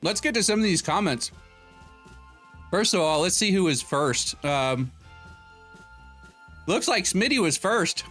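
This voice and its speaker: A young streamer host with a slightly high voice chats casually into a desk mic from a room at home, unhurried and pausing often. He jokes around and reads out viewer names and donations as they arrive, with faint music playing underneath.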